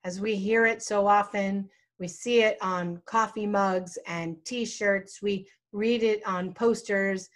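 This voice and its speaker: A middle-aged woman pastor preaching a sermon, telling a personal story with a slow storytelling cadence and dramatic pauses. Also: mid-range voice, steady tone.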